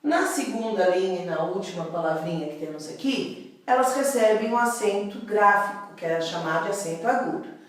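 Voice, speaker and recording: A woman's voice: mid-range voice, animated, normal speed. A woman teacher with a Brazilian Portuguese accent, explaining a grammar lesson patiently and often checking in with her class. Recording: very echoey room, voice from a distance.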